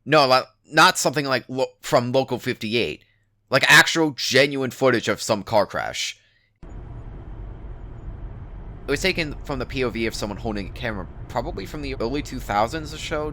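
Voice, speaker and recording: A man's voice: medium pitch, expressive, normal speed, pushed and bright, slight background noise. A man giving a dramatic reading of an online story in a casual, sweary, emphatic first-person way. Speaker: narrator reading a written forum post aloud.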